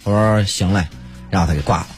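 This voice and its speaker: This Pingdingshan co-host, from Henan, has a lowish voice and races through his stories in a casual chat over soft background music. Animated throughout, he acts out phone calls and frequently breaks into laughter.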